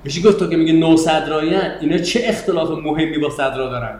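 A middle-aged man with a fairly high, slightly mellow voice gives a university lecture in a classroom, chatty and prone to digressions, stopping to put questions to his students. The room is echoey, with faint ambience and a little hiss or hum on the recording.

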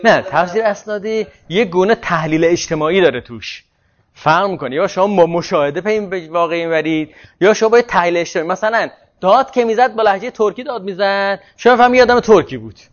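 A male teacher, his voice fairly high, gives a long explanation in a seminar and answers questions along the way. The audio sounds muffled, with a lo-fi quality.

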